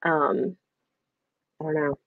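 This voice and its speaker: Here the woman in her thirties sounds low-pitched and flat, speaking slowly as she hosts her book club livestream from an indoor room at home. She rambles hesitantly, thinking out loud in a casual discussion over a video call. There's no room sound, though the call audio is slightly dull.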